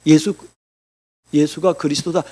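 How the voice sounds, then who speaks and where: High-voiced emphatic male pastor preaching. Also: fairly even intonation, unhurried, breathy edge. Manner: emphatic, rhetorical questions to the congregation; swings between loud declarations and quiet asides. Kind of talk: sermon. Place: church.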